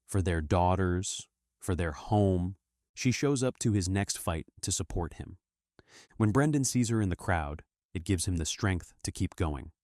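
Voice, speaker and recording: A man narrating a film recap in a steady, dramatic storytelling manner. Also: sits low, dry recording, studio quality. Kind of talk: scripted narration.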